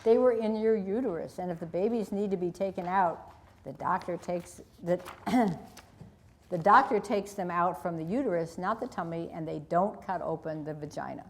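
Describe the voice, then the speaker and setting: A patient mother gently corrects her little girl with careful explanations, as a woman reading aloud speaks for her. Her lines lift a touch higher and louder than the reader's narration. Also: normal speed, a little hiss or hum, close to an everyday voice. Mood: instructive. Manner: instructive, careful.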